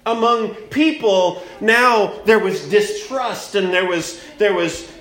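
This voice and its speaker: A man preaching at a pulpit microphone, his fairly high voice unhurried and conversational as he leans on key words. The sound bounces around an echoey church sanctuary. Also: fairly bright tone. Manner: plainspoken, conversational preaching with slow emphatic stresses. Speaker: pastor. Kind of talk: sermon.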